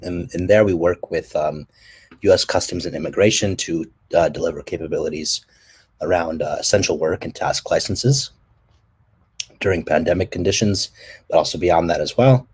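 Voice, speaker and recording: Man, very low voice, husky, technical presentation, halting with fillers. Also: a little mellow. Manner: halting, many ums and restarts, coughs between phrases. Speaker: company presenter.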